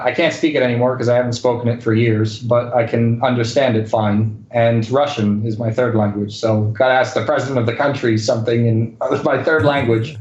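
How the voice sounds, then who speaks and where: This interview guest, a correspondent and news anchor whose first languages are English and Spanish, has a medium-pitched, slightly mellow voice. He talks casually but hesitantly, leaning on fillers, in a roomy, dull lo-fi recording.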